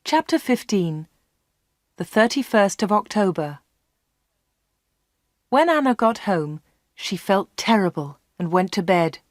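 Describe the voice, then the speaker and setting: A woman reading a story aloud, clear and steady, at a medium pitch. The recording is dry and close, with no room sound. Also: slow, pauses often, no room sound. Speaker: audiobook reader.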